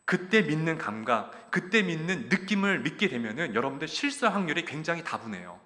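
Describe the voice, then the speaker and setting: A man's voice: a little high, sharp tone. Man preaching in a reverberant church. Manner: earnest exhortation, often addressing the congregation directly. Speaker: pastor. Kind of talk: sermon. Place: church sanctuary. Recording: long church-hall reverb.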